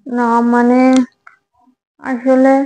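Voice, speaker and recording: A woman acting a nervous young wife in a comic home drama who keeps soothing her hot-tempered husband. Her voice sits high, coaxing and apologetic. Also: monotone, very slow, dark tone, low-quality recording. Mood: placating. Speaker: short-drama actress.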